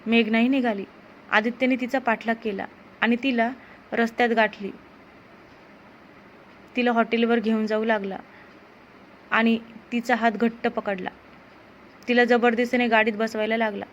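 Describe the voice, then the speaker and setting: A woman with a fairly high voice reads a romance story in a steady, plain narrating manner. The recording is a little dull in tone, and a faint hiss runs underneath. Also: moderate pace, pauses often.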